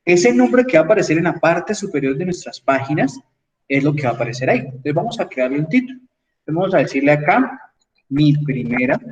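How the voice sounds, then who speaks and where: Man, online lecture, slightly high voice, distant muffled mic. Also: slight background noise. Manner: explanatory, frequent "¿sí?" checks with students. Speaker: engineering lecturer. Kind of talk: online class with screen sharing.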